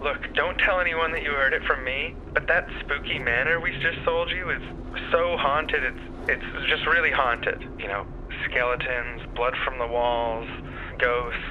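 A man plays a jumpy woman from a real estate office, heard over a muffled phone speaker with plenty of hiss behind her. She speaks at an everyday mid pitch and sounds hurried and anxious, like someone passing on a secret she should not share. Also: steady tone. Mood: urgent. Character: nervous female real estate agent. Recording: muffled speakerphone audio with background noise.

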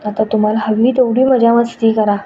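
A woman voicing a kind, affectionate middle-aged mother-in-law who speaks gently and reassuringly. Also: a little high, flat delivery, fairly quick, some chatter behind, lightly acted. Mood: fond. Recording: dull lo-fi with faint noise.

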